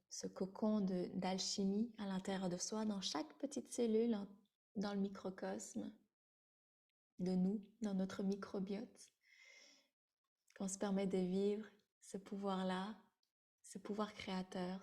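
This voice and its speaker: Slow, mellow woman giving a meditative spiritual talk. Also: mid-range voice, gravelly. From Vietnam. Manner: halting, meditative, with many hesitations and repeated words. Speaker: spiritual teacher leading a sharing circle. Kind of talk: spiritual talk to an online audience.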